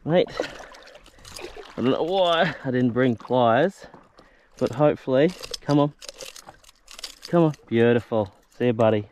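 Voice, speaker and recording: Excitable man talking to fish. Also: medium pitch, measured pace, pauses often, slight background noise. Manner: exclamatory, talks to the fish. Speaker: fishing vlogger. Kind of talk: excited fishing commentary. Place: outdoors on a paddle board at sea.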